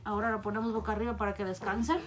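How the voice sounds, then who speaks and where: A woman, a mother, talking casually to the camera at home while gently coaxing her baby to feed, filmed on a phone someone else holds. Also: mid-range voice, level tone, racing, music in the background. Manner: soft coaxing, repeats endearments to the baby. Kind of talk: casual home video talk. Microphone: phone held by someone else.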